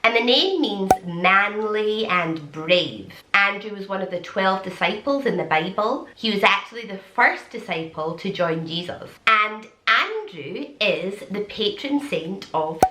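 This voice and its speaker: A young woman from Scotland, pregnant, chatting to camera in a casual, enthusiastic vlog with quick asides. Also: mid-range voice, expressive, background noise. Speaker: vlogger. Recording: echoey room.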